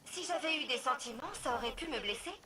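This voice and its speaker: An actress voicing a sardonic female ship AI with a robotic voice and flat, dry delivery. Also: sits high, fairly quick, noisy background. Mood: deadpan. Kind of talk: video game voice acting, dubbed.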